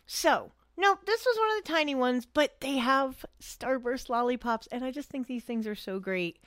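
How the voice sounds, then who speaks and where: A woman's voice: sits high, expressive, moderate pace, fairly bright tone, no echo, studio quality. A young adult woman co-hosting a casual show, telling her rideshare driving stories in a blunt, profane, exasperated way. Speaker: co-host and rideshare driver. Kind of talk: casual storytelling chat.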